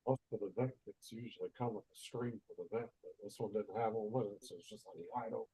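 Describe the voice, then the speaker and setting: A man's voice: on the low side, fast, dark tone, husky, no room sound. A man chatting casually at home, his voice muffled and distant as if heard through a wall. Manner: laid-back, rambling. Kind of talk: casual chat. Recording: muffled dull sound far from the mic.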